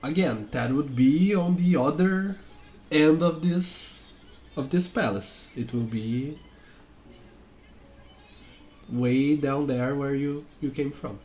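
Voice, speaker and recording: Slow, halting man narrating a tabletop game. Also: fairly high pitch, a little mellow. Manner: halting, repeats words as he improvises. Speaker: game master.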